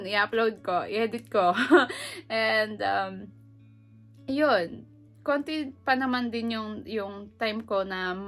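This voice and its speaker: A woman's voice: mid-range voice, fairly bright tone. Chatty middle-aged woman vlogger. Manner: chatty and emotional, mixing English into Tagalog, laughing often. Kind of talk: casual personal vlog.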